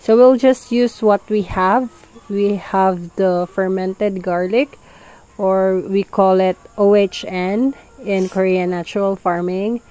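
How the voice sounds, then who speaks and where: Slow-talking woman explaining farm steps. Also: medium pitch, poor audio. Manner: calm, explanatory, plain wording. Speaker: farm vlogger. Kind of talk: instructional farm narration.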